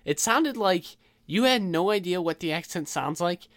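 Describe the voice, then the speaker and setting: A man's voice: high voice, animated, normal speed, a bit bright, dry recording. A man co-hosting a podcast in casual chat, laid-back and laughing along. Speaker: podcast co-host.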